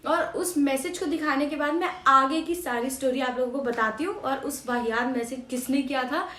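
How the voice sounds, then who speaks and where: A woman's voice: high voice, moderate pace, bright, forceful tone, slight background noise. A young adult woman vlogger telling a story to camera in a rambling, chatty way, full of fillers and repeats. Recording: echoey room.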